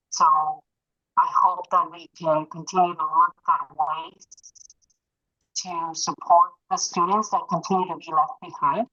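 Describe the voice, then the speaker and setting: A woman trustee speaks over a video call whose audio keeps cutting out and breaking up. Her fairly low voice comes through dull and lo-fi, dry with no room sound. She pauses often with fillers. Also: pushed and bright, no room sound. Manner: hesitant, many fillers. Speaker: school board trustee. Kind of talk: remote remarks at a board meeting.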